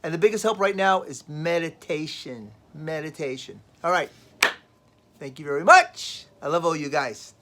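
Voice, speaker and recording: A man with a somewhat high voice speaks as a life coach in a loose, motivational vlog. He rambles from point to point, repeats himself and stresses his words emphatically. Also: normal speed, hardly any pauses, slight background noise. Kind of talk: casual motivational vlog talk.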